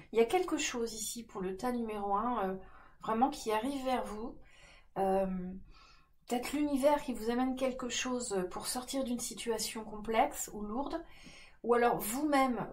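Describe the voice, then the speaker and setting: A woman giving a casual card-reading guidance, gentle and reassuring, with many fillers and restarts. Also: fairly high pitch. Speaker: tarot card reader.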